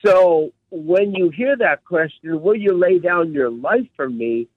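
Male guest, slightly high voice, unhurried, emphatic teacher, dry muffled line. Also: expressive, no room sound. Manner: emphatic, repeats key words. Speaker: professional coach and ministry director, guest. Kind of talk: radio interview, teaching.

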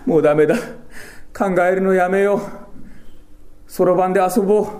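A man's voice: sits high, steady tone, brisk, a little mellow, natural voice. A man playing a flustered male shopkeeper who whines and frets, in a rakugo story. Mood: fretful. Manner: whiny, self-pitying.

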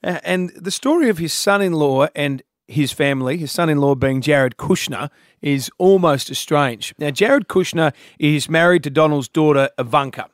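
Australian male breakfast host, higher register, casual chat, very dry sound. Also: moderate pace, dry recording.

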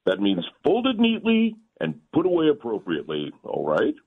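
A man playing a jolly old Santa Claus as a guest on a morning radio show, chuckling and fatherly as he gently scolds the children. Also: fairly high pitch, huge pitch swings, moderate pace, full character voice. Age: older. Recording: phone line.

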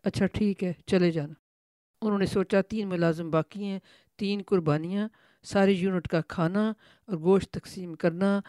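A storyteller reading a story in an even, measured way. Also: mid-range voice, no echo. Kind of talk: scripted story narration.

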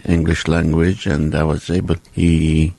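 Older Lebanese-born man, deep voice, dry sound, plain unhurried guest. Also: little pitch movement, mellow, no echo. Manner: plain, unhurried, with short agreeing replies. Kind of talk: casual interview chat.

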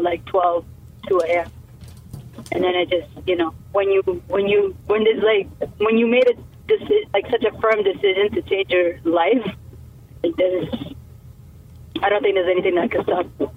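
There's slight background noise as this young Canadian woman, a musician guest, talks casually on a tinny phone line. Her fairly low voice rambles through the interview with many fillers and restarts.

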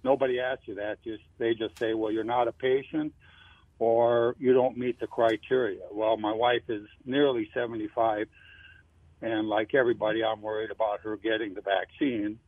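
An older man calling in to a radio show over the phone, asking his question in an earnest, rambling way with halting restarts. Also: lowish voice, flat delivery, no room sound. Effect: heard over a phone line. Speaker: caller. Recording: tinny dry phone line.

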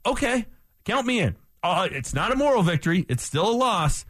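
A man's voice: high voice, sing-song, normal speed, fairly bright tone, dry recording. A male sports radio co-host in casual talk, making skeptical points one after another with emphasis. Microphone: studio microphone. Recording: dry close studio sound.

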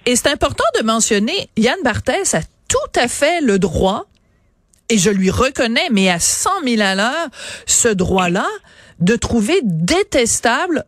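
A woman with a Quebec French accent hosts a commentary show and lays out her points firmly. Her voice is slightly high. The sound is dry and close. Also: big pitch swings, measured pace, dry recording. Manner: assertive, explanatory. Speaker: show host.

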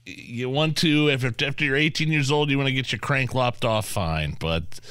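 A man's voice: mid-range voice, moderate pace, a bit bright, smooth, no echo. A man co-hosting a talk show, giving opinions conversationally and acting out little rhetorical exchanges.

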